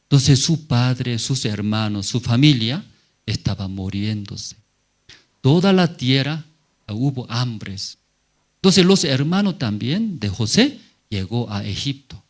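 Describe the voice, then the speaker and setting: A man's voice: medium pitch, lively intonation, slow. A male pastor preaching a sermon in short, simple phrases with frequent rhetorical questions to the congregation.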